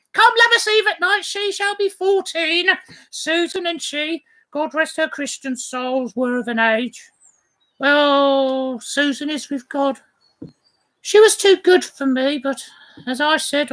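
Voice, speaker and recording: A fond old nurse rambles through her memories, giggling between every thought, as a woman acts her out. Her voice sits very high and her delivery is unhurried and drawn out, like a stage play reading. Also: fairly bright tone.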